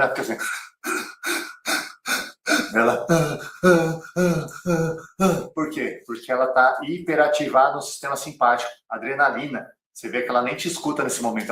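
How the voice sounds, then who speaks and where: A man's voice: medium pitch, steady tone, brisk, pushed and bright. A man with a Brazilian Portuguese accent teaching an online cycling lesson, direct and repeating key phrases like a coach. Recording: roomy, slightly distant mic.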